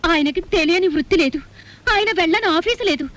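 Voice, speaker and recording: An actress playing a distraught wife who pleads tearfully in a film scene. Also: female voice, very high voice, fast, fairly bright tone. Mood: boastful. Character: distraught middle-aged wife seeking her husband. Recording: film soundtrack with music behind.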